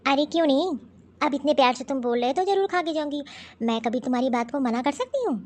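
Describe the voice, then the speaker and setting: Pushy city girl in a cartoon, breezy, high voice. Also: expressive, quick pace. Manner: breezy, mixes in English. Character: modern city young woman, showy and pushy. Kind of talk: animated cartoon dubbing.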